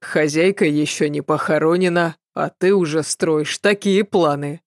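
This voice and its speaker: A woman's voice: low-pitched, steady tone, a little slow, no echo, studio quality. A woman reading a sly, wary young apprentice. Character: sly young male apprentice, guarded and feigning.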